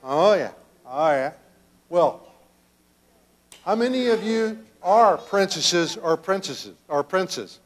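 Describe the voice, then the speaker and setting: Older male pastor, children's sermon, slow and halting delivery, fairly high voice, church sanctuary. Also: lively intonation. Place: church sanctuary, children seated around him.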